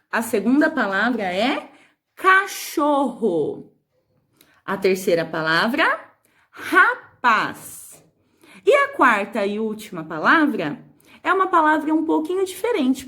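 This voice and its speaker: A woman's voice: high voice, a bit bright. A woman teacher from Brazil with a Brazilian Portuguese accent, giving a remote phonics lesson to young children and stretching out words so the sounds come through. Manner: slow, careful, stretching out words to show sounds. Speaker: primary school teacher.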